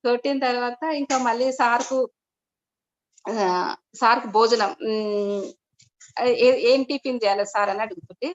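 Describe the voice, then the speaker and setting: Over dull, lo-fi video call audio, a middle-aged woman gives a personal testimony about her meditation experience to an online meeting. She speaks on the high side at a moderate pace with frequent pauses, rambling, often restarting, and repeatedly using polite forms of address.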